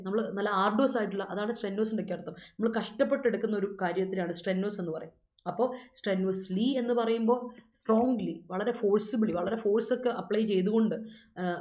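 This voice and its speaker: A woman's voice: medium pitch, a little mellow. Woman, vocabulary teacher, mixes two languages and corrects students' sentences aloud. Echoey room, muffled sound. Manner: mixes Malayalam and English, reads students' comments aloud and corrects them; repeats reminders to remember. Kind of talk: live online class explaining English words. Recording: roomy, dull-sounding room recording.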